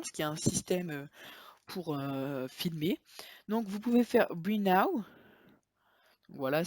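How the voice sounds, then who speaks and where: A woman's voice: lowish voice, dry recording, studio quality. A woman talking through a screen-recording tutorial in a casual, chatty way, often hesitating and correcting herself. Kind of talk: casual software tutorial walkthrough.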